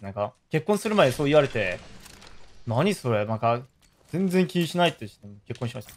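Lively man streaming games. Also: medium pitch. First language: Korean. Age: 30s. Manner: joking and animated, with loud yelps and laughs. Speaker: game streamer. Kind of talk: casual gaming stream chat.

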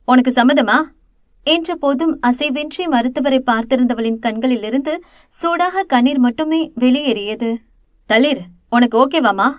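Woman narrator, audio novel, steady expressive reading, high voice, dry close sound. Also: no echo. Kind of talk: scripted narration.

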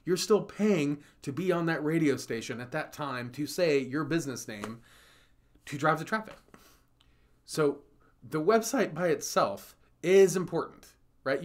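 A man in his thirties, a marketing agency host, giving business advice straight to a webcam in a small office, talking conversationally and repeating key points for emphasis. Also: a little high. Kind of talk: direct-to-camera business advice.

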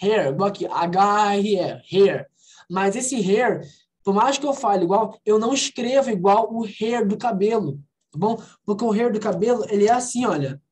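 A woman's voice: medium pitch, normal speed, a little mellow. Brazilian woman teaching English online. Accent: Brazilian Portuguese. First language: Portuguese. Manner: mixes English and Portuguese, repeats checks like "alright?" and "ok?". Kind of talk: online class explanation.

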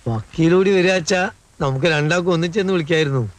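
A man's voice: on the high side, fast talker, lightly acted. An actor playing a jittery, gossiping male house servant who fusses and warns nervously in comic film dialogue. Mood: fussing. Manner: nervous, fussing and warning.

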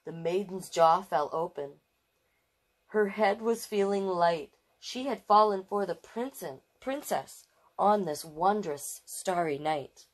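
In a fairly low, slow voice, a storytime host reads a children's book with expression. She breaks in with affectionate, conversational commentary and tends to repeat phrases.

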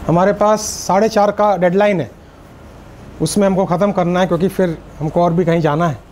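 A middle-aged Indian man with an Indian accent, giving a lively public speaking workshop to a live audience, mixing Hindi and English and joking with the crowd. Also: high voice, normal speed, slight background noise. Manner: energetic, directs the audience, jokes. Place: seminar room with live audience.

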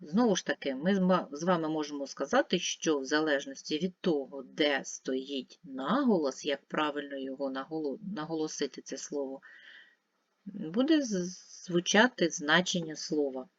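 A woman's voice: sits low, normal speed, dry recording. A woman teacher giving a recorded lesson to young children, carefully repeating each word with its stress shifted. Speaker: primary school teacher. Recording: dull lo-fi sound.

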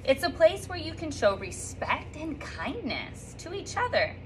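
In the reading corner of her classroom, a woman in her thirties who teaches third grade films an upbeat sing-song welcome and reads a picture book to her class with lively rises and slips. She sits high in pitch and unhurried. The recording is rough, with slight background noise, made on a phone or camera a few feet away on a stand.

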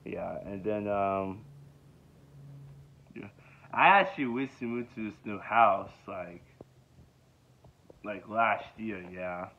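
A young man in his twenties from Georgia talks about himself in a loose, rambling vlog, circling back with fillers and repeated yeahs. His voice sits a little low. The sound is narrow and tinny, like a phone line, recorded close up in a small bedroom. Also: slow pace, long pauses. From Georgia, USA. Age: 20s. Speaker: vlogger. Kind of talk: casual self-introduction vlog. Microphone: phone held close at arm's length.

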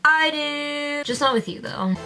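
A young woman hosting a reaction video, chatting casually and excitably and laughing often. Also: sits high, measured pace, over music.

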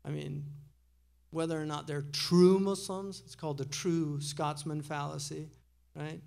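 Male lecturer, gravelly and a bit high, chatty and digressive with an audience. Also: a little mellow. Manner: conversational, digressive, chuckles as he talks. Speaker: speaker giving a public lecture. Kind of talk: casual lecture. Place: lecture hall.

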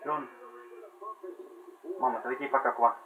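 A man giving excited gameplay commentary, yelling at characters, pleading with them and laughing as the match goes on. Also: mid-range voice. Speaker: gamer commentating own play. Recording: tinny lo-fi sound with faint hiss.

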